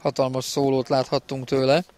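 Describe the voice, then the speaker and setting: A man giving excited live football commentary as a partisan match commentator. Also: mid-range voice. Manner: excited, builds to shouted goal calls, partisan for the home team.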